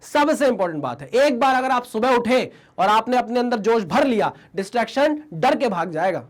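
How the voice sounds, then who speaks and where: A man's voice: extremely high pitch, big pitch swings, normal speed. A man teaching exam preparation in a conversational, motivational way. He often adds tag questions and acts out inner voices. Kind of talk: motivational study advice.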